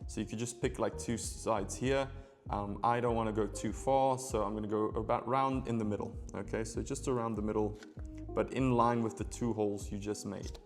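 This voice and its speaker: A man's voice: lowish voice, steady tone, moderate pace, faint music behind. A man giving a magic tutorial in casual, playful card magician patter, chatting directly to viewers.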